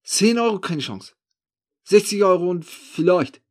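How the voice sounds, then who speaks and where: A man's voice: high voice, normal speed, darkish tone, pitched above the performer's own voice. A man doing a nervous shifty street thief. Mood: haggling. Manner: broken German, agitated and pleading.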